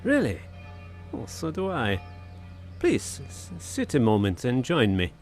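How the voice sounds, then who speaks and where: In an audio drama, an actor plays a genteel, poetic Frenchman of the 1880s, delivering diary narration and dialogue in a florid, theatrical style full of wistful delight. His mid-range voice swings hugely in pitch at an unhurried pace, with music behind it.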